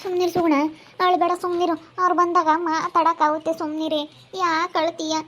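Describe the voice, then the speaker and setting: An actress playing a calm village woman consoling her crying friend, speaking in a soothing, coaxing way. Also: very high voice, a little fast, slight background noise. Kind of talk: amateur village family drama.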